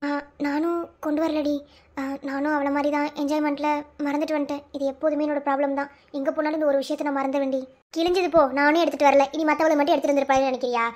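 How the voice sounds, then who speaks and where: Woman doing a bossy college girl in a cartoon, madurai tamil accent, teasing and scolding, talks super fast. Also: high-pitched, level tone, natural voice. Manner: scolding, teasing, quick banter. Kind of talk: cartoon voice acting.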